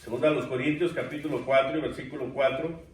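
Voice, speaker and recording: A man's voice: mid-range voice, steady tone, fast. Man teaching a bible class in an echoey church. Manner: addresses listeners as brothers, asks questions of the class. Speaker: preacher. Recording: distant mic in echoey church room.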